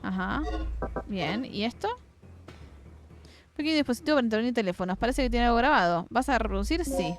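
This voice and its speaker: A woman streamer with a Rioplatense accent giving casual gameplay commentary, reading game text aloud and swearing in excited outbursts. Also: a little high, brisk, long pauses, soft background music. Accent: Rioplatense Spanish.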